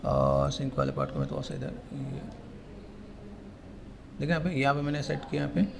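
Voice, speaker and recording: A man giving a casual, repetitive software tutorial, pointing things out step by step. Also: medium pitch, big pitch swings, a little fast, gravelly, slight background noise. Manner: repetitive, keeps saying "here" and "okay". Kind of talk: casual screen-recorded tutorial.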